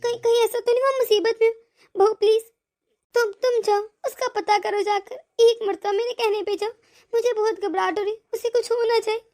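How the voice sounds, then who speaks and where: A worried older mother in a cartoon, voiced by a woman speaks low for this performer and quietly. Her talk is soft and fretful, full of anxious hesitation. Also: fairly even intonation, moderate pace. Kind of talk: cartoon voice acting.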